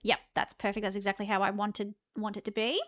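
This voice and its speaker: A woman's voice: mid-range voice, level tone, fast. A woman in her thirties with an Australian accent, chatting casually with her stream chat, laughing often and restarting her sentences. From Victoria, Australia.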